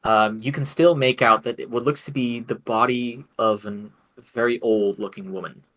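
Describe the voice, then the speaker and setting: A man running a tabletop game, talking in a loose, chatty way and laughing often. His voice is bright and forward, at a middling pitch for a man. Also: fairly even intonation, normal speed. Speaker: game master.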